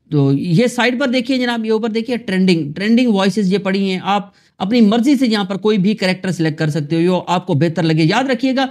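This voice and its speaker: A man from Pakistan hosting a screen-recorded software tutorial, talking chattily to his viewers. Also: sits high. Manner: chatty, addresses viewers as "janab" and "dosto". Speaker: tutorial host.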